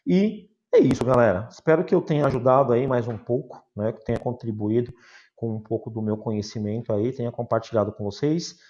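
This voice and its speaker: A man from Brazil teaching a recorded class in a lively, chatty way, addressing his students informally. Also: medium pitch, fairly quick, lo-fi sound.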